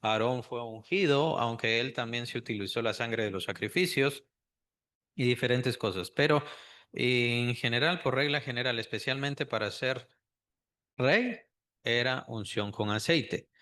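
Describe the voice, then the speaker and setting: Hombre enseñando escuela dominical. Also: male voice, medium pitch, measured pace, fairly bright tone. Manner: asks the class questions, repeats key phrases. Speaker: Sunday school teacher. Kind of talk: Bible study lesson.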